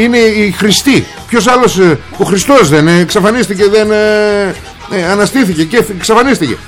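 Male talk host, fiery sarcastic monologue, higher voice, soft music bed. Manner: sarcastic, combative, addresses viewer directly. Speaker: TV political talk show host. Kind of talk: heated political monologue.

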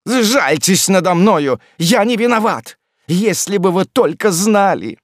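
A fawning old morgue keeper begs and wheedles in a high, quavering whine, as a male audiobook reader puts him on. The voice leaps up and down in pitch with frantic pleading. The recording is dry and close, with no room sound. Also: big pitch swings, measured pace, no echo. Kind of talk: audiobook reading.

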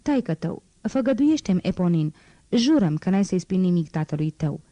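A woman's voice: lowish voice, big pitch swings, dark tone, no room sound, lo-fi sound. A woman reading an audiobook, voicing an eager, pleading, lovestruck young man.

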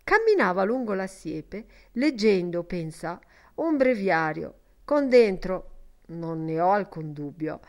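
A woman's voice: medium pitch, big pitch swings, slow. A woman reading an earnest young man in an audiobook, speaking fervently and in a confiding tone.

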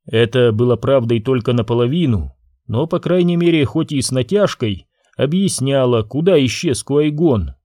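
A man narrating a novel in an expressive, dramatic reading. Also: medium pitch, moderate pace, dry recording, clean studio sound. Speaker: audiobook narrator. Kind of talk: scripted narration.

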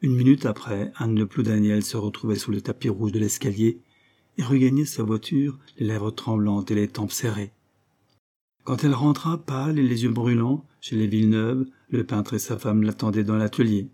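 A man narrating a classic story in a measured, even storytelling manner. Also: lowish voice. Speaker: audiobook reader. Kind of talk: scripted narration.

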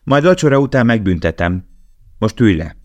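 A man doing a calm, loving mother. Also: lowish voice, dry recording, highs cut off, voice pushed up. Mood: tender. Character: loving, firm middle-aged mother.

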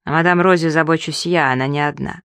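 A woman's voice: low voice, steady tone, fast, fairly bright tone, clean tone, no echo. A reader voicing a curt, sneering bearded man. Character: gruff limping bearded man, curt and mocking.

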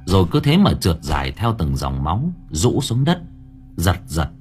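A man's voice: deep voice, normal speed. Man narrating a horror story dramatically. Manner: dramatic, expressive delivery. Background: faint background music.

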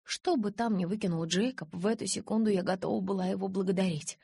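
A woman narrating a first-person novel in an expressive, dramatic way, recorded close on a studio mic. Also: medium pitch, fast, creaky, husky, dry recording. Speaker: audiobook narrator.

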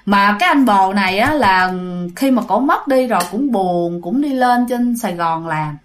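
A woman's voice: medium pitch, lively intonation, normal speed, a little hiss or hum. A woman with a Southern Vietnamese accent telling ghost stories in a chatty, casual way, often addressing her listeners. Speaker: ghost story narrator. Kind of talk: casual storytelling.

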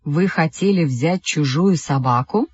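A stern police officer, as a woman reading the story puts him on, speaking slow and low with measured authority. The sound is dull, with faint music behind. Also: darkish tone, breathy edge, full character voice.

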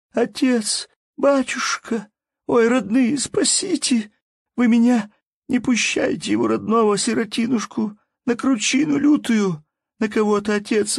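A man's voice: very high-pitched, animated, unhurried, vocal fry, slightly rough, no echo, clean studio sound, voice pushed up, full character voice. A wailing peasant woman. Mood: wailing grief. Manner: keening, sobbing lament. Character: wailing peasant wife, desperate, sobbing.

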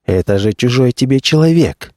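A ruthless woman gang boss snaps out orders, sneering and contemptuous, as a male narrator puts her on. Her pitch swings widely and the tone stays mellow. The recording is dry and close. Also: expressive, moderate pace, no room sound, lightly acted. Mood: mocking. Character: harsh commanding woman gang leader.

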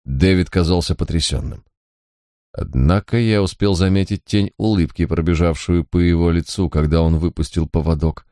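A man narrating an audiobook in a measured, dramatic storytelling manner. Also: deep voice, warm tone, no room sound, studio quality.

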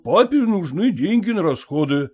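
A ceremonious, polite gentleman caller, put on by a male narrator, choosing his words with formal courtesy. The voice sits fairly high and moves expressively. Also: very animated, normal speed, breathy edge, full character voice.

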